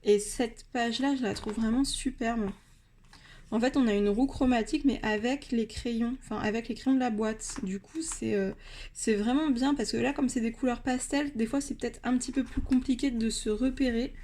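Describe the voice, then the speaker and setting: A French woman giving a casual review of colored pencils, pausing often with fillers and restarting her sentences. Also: a little high, fairly even intonation, dark tone, slight background noise. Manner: hesitant, many fillers and restarts. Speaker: art supply reviewer.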